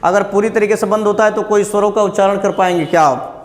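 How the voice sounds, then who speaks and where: A man's voice: high voice, fairly even intonation, quick pace, big-room sound. A male teacher giving a classroom lesson, asking questions and answering them himself and drilling sounds aloud for students to repeat. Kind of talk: classroom lesson on vowel pronunciation.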